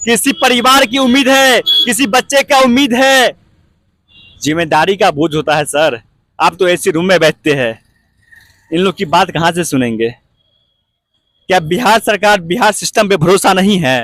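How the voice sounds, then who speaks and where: Guy reporting at a protest, high voice, fiery questions, dry sound. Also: moderate pace, a bit bright, dry recording. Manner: rhetorical questions to politicians, pleading. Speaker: street reporter. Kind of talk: impassioned on-the-spot reporting.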